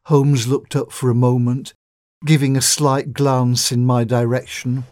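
A man reading a classic detective story aloud in a measured, unhurried narration. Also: medium pitch, flat delivery, a little mellow.

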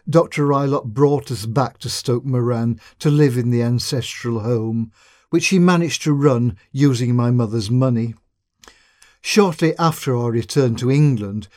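A man's voice: medium pitch, normal speed, a little mellow, dry recording, clean studio sound, lightly acted. A man reading a story, voicing a frightened young woman who pleads urgently for help. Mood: distressed. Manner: urgent, trembling pleas.

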